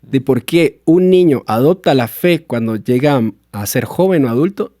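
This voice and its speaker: A man's voice: medium pitch, expressive, normal speed, no echo, clean studio sound. A young adult man, a youth pastor, speaking heartfelt in a conversation. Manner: warm, heartfelt. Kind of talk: conversational talk.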